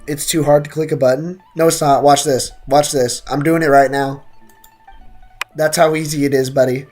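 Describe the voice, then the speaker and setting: Over video game music, a young male streamer jokes through his live gameplay in slang, with sarcasm and frequent repeated phrases. His voice is fairly high and darkish, fairly even in intonation, at a moderate pace.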